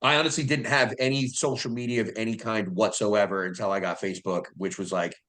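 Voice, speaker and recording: A man's voice: on the low side, steady tone, fairly quick, a bit bright. A man hosting a casual podcast as a coach, talking frankly with easy laughter and casual swearing.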